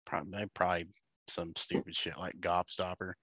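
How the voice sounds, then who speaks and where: Wisecracking guy on a sports podcast, low voice with a sharp bright edge. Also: flat delivery, fairly quick, no room sound. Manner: wisecracking, dry asides. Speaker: podcast co-host. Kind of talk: casual sports chat.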